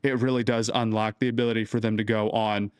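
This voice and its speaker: A man's voice: lowish voice, level tone, fast, clear, resonant tone, no room sound, studio quality. Man arguing sports point by point. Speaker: podcast co-host. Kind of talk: casual sports chat.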